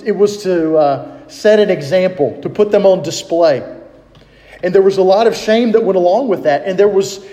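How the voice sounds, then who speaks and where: A man delivers a conversational sermon, reading scripture aloud and pausing to put questions to his listeners. His voice sits high yet mellow and soft-edged. The sound carries a long reverb, as in a large hall. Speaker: pastor.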